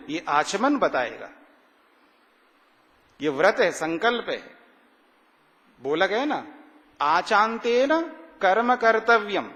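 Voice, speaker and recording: A man giving a morning sermon in an ashram hall, asking repeated rhetorical questions and reciting verses slowly and emphatically. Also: high-pitched, a bit bright. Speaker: swami giving a morning discourse. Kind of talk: sermon explaining ritual mantras. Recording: long hall reverb.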